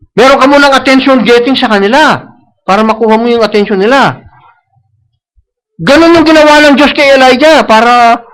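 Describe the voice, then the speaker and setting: High-voiced preacher. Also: male voice, fairly bright tone, low-quality recording. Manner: switches between Tagalog and English, tags lines with "No?"; repeats himself for emphasis. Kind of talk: sermon. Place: church service.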